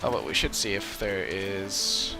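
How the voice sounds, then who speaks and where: A low-pitched man speaks at a measured pace while streaming an online role-playing game live. He chats casually and unscripted, rambling through his thoughts, and game music plays in the background.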